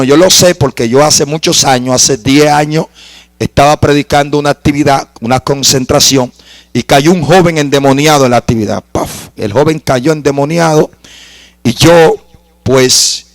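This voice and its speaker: A man preaching a sermon as a pastor, telling a dramatic story and rising to shouted praise. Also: a little high, no echo, poor audio.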